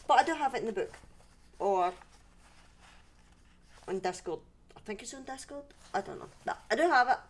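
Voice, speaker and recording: Her voice is on the high side and a bit bright. Hosting a livestream indoors at home, this Scottish woman tells stories in a loose, rambling, chatty style, frequently abandoning sentences and starting them anew.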